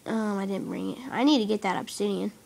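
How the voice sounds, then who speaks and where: A woman giving excitable, giggly casual commentary while playing a game, shrieking when startled. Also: medium pitch, quick pace, vocal fry. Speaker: gameplay commentator. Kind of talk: casual let's-play chatter.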